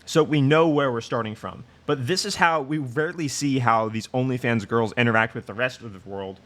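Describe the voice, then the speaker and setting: A man's voice: mid-range voice, brisk, fairly bright tone. A man giving scornful reaction commentary on a clip, breaking into laughter and mimicking other people. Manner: mocking, laughs at clip, acts out quoted voices.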